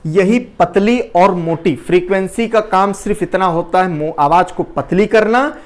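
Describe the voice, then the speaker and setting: A man giving a classroom lecture. He asks and answers his own questions and keeps checking that everyone has understood. He drops his voice low and quick, then gets loud and fast to show what he is teaching. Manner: repeats key points with rhetorical questions, checks understanding; shifts loudness and speed to demonstrate.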